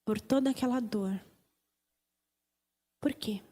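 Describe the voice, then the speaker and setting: Brazilian woman preaching at church, high voice, emphatic and repetitive. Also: slow, warm tone. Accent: Brazilian Portuguese. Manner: emphatic, repeating phrases for stress. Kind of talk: sermon. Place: church service.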